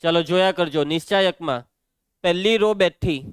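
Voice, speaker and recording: Brisk high-voiced maths teacher. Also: male voice, clean tone, no room sound. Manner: brisk, talks students through each step. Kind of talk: blackboard maths lesson.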